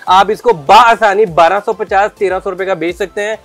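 A middle-aged man from Pakistan who owns a garment shop, giving a persuasive sales pitch and explaining at length in an interview. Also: steady tone, brisk, a bit bright, soft background music. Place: clothing shop indoors.

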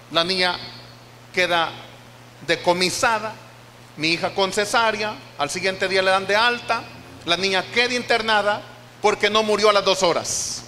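An older man with a Costa Rican accent preaches a heartfelt testimony, repeating phrases as he tells it. His voice sits high and bright. Long church-hall reverb with a faint hiss behind him. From Costa Rica. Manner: emotional storytelling with repeated phrases. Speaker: pastor. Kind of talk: sermon testimony.

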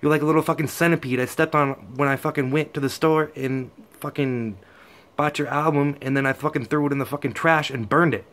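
A man's voice: a little high, fairly even intonation, brisk, fairly bright tone. Man doing a profane taunting freestyle. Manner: loose, half-spoken delivery without rhymes. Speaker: freestyle rapper. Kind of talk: freestyle rap.

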